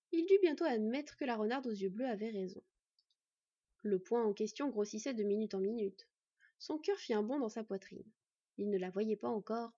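A woman narrating a fantasy story in an even, measured reading. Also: on the high side, breathy edge, dry recording. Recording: dull, dry recording.

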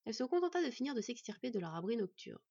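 A woman reading a fantasy storybook aloud in measured, gentle narration. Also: fairly high pitch, big pitch swings, vocal fry, breathy edge, dry recording, dull audio. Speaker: audiobook narrator.

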